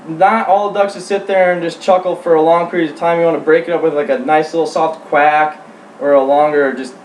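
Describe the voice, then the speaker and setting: A man giving an informal how-to demonstration as a hunting instructor, speaking in a halting, plain-spoken way. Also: a little high, a little mellow. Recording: roomy, distant mic, faint hum.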